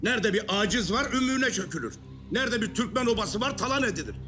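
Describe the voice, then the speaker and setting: An actor playing a hot-headed village felt-maker in a historical drama, indignant and rhetorical, speaking in folk phrases. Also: male voice, high-pitched, expressive, fast talker, over music.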